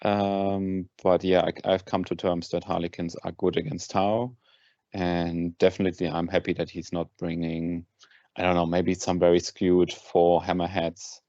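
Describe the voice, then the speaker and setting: A man's voice: deep voice, level tone, unhurried, dark tone, dry recording, lo-fi sound. A man from Germany with a German accent, a tabletop wargame player chatting casually as an interview guest, hesitant with many fillers and restarts.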